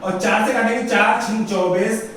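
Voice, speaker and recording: A male maths teacher with a high voice walks his students through interest sums, asking each question and answering it himself. He sounds distant from the microphone. The room echoes heavily, with a faint hiss behind him. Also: steady tone, normal speed, fairly bright tone. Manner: repeats questions back to the class, drilling each step. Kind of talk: classroom maths lesson. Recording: roomy echo, far from the mic, faint hiss.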